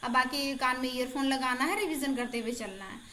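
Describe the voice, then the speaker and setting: A woman's voice: high voice, fairly quick, sharp tone, reverberant. A woman exam-prep tutor in a casual online lesson, chatty and encouraging, repeating answers aloud.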